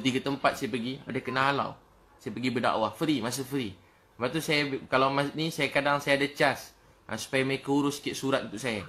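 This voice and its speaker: Man, Malaysian Malay accent, middle-aged preacher, heartfelt, repetitive, bright tense voice. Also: mid-range voice. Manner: heartfelt, repetitive, swelling into fervent prayer. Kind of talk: emotional religious talk.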